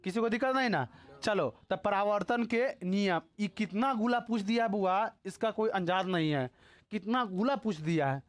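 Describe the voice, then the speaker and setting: A man's voice: high voice, normal speed. A male teacher with a Bihari Hindi accent giving a live classroom physics lecture. He keeps quizzing the students, and he scolds and teases them.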